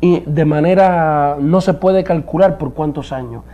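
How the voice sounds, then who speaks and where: Slow, deliberate man with a mellow voice. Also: fairly high pitch, lo-fi sound. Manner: slow, deliberate, searching for words. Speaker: interview guest, political commentator. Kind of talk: political interview.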